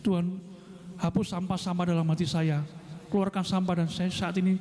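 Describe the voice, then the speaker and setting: A man's voice: high-pitched, flat delivery, brisk, darkish tone. A middle-aged man giving an earnest personal testimony in a church service, often turning to address the congregation directly. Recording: reverberant church hall with instrumental music behind.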